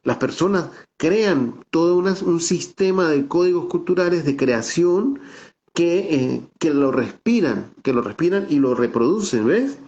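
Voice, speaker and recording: This middle-aged Venezuelan theater director, with an Andean Táchira accent, joins an online call as a guest and explains things at length, thoughtfully and conversationally, with frequent restarts, fillers and a habitual "¿no?". He speaks unhurriedly in a slightly high, darkish voice with lively intonation, over dull lo-fi video-call audio.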